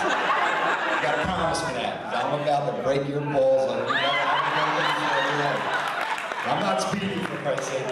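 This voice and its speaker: A man's voice: mid-range voice, very noisy. A man giving a rambling, self-deprecating roast speech, often restarting his sentences. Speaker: roast speaker. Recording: roomy hall mic from a distance.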